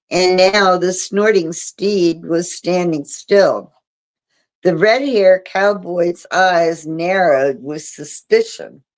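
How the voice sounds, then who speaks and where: A woman reading a mystery novel aloud on a livestream, in a steady storybook manner. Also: lowish voice. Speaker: reader.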